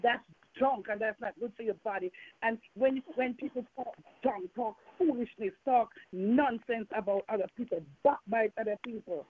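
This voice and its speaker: Over a tinny phone-line recording, a Jamaican-accented woman preaches an impassioned evening sermon built on call and response, repetition, and rhetorical questions. She speaks at normal speed with few breaks, her husky voice pitched on the high side.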